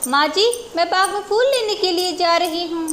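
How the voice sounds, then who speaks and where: A woman voicing a caring young village daughter-in-law who speaks softly and with affection in a storybook tale. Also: very high voice, normal speed, slight background noise. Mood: gentle. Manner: soothing, affectionate.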